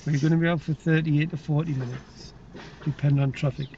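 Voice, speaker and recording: A man's voice: a little high, fairly even intonation, quick pace. A man working as a driving instructor, chatting, teasing and giving directions in a casual way from inside a car. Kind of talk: casual instruction during a lesson. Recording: distant, dull, noisy car interior.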